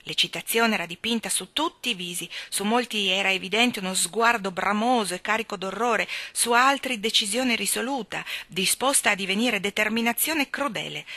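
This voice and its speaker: Audiobook narrator, woman, bright clear tone, dry close recording, measured storytelling. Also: medium pitch, no echo. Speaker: audiobook reader. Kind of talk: scripted narration.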